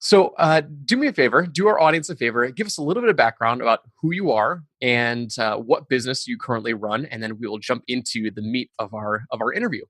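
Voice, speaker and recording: A man hosting a business podcast, delivering an energetic intro and then interviewing a guest. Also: mid-range voice, quick pace, few pauses, dry recording, clean studio sound. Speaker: podcast host.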